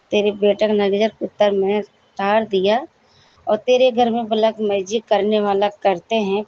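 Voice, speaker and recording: A woman's voice: mid-range voice, a little mellow, muffled recording. A woman giving a devotional testimony, telling her story to the congregation, often addressing them as sangat ji and stopping to apologize and correct herself.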